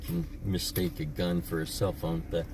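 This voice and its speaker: A man hosting a casual livestream from inside a car, telling animated, joking stories. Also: low-pitched, normal speed. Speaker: livestream host. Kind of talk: casual chat while driving. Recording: distant mic, car road noise.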